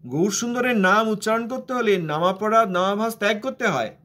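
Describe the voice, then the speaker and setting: Brisk and high-pitched, this man's fairly bright voice carries a Bengali accent. He delivers a devotional talk, unpacking scripture and asking rhetorical questions as a religious teacher.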